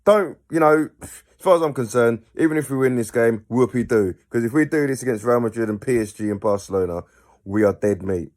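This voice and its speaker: A man's voice: mid-range voice, fairly quick. Young man ranting about football. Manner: animated, ranting, rhetorical questions. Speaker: football fan channel host. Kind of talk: pre-match fan rant to camera.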